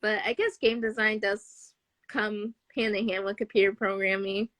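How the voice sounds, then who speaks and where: A woman's voice: mid-range voice, little pitch movement, normal speed, fairly bright tone, no echo. Chatty young woman, upbeat and rambling. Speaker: podcast guest, game developer. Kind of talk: casual chat on a live stream.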